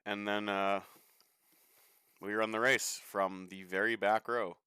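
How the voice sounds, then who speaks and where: A young man rambles through his sim racing stream in a loose, joking way, swearing without a second thought. His voice is on the low side but bright and forceful, and it comes through clean and crisp in a dry, close recording. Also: level tone, takes it slowly, no room sound. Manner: chatty, swears freely, offhand and joking. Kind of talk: casual live-stream commentary while racing.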